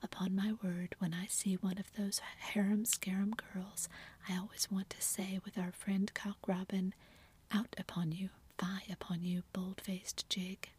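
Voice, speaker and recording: Whispered role-play: a woman reading a wry, playful young gentleman, breathy and level. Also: mid-range voice, flat delivery, a little slow. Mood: teasing. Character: young man, charming and teasing.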